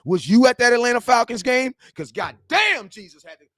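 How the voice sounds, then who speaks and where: A man, reading and answering viewer chat in a slangy, animated sports rant. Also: extremely high pitch, fairly quick, no echo, studio quality. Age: 40s. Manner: animated, slangy trash talk, shouts at chat. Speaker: sports fan streamer.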